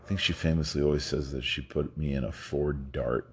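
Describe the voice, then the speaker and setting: Fairly quick and very deep-voiced, a New York man in his fifties shares his life story as a guest, rambling casually with frequent laughs, fillers, and restarts. His intonation stays fairly even.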